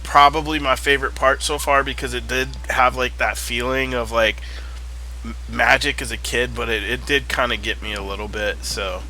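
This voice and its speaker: In a let's-play stream, a man casually comments on the video game he's playing, wandering off on tangents and thinking aloud through a stuffed-up nose. His medium-pitched voice is flat and sharp-toned at normal speed, and the audio is poor with slight background noise.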